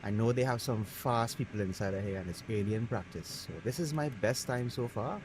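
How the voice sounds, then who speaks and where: A man talks through his practice laps in an easy, half-distracted way, tossing off short remarks to his viewers. His voice sits at an ordinary middle pitch. A loud race car engine roars constantly under everything he says. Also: a little fast, background noise. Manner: low-key, thinking aloud in short remarks. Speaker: sim racing streamer. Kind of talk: casual live-stream commentary while racing. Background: race car engine roar.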